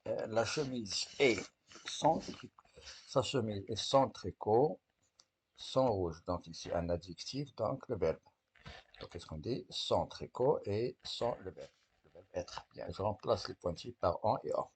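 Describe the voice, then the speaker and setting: A man's voice: fairly low pitch, lively intonation, a little slow, slight background noise. A man teaching French to young pupils, patiently correcting a test step by step and answering his own questions; French is not his first language. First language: Arabic.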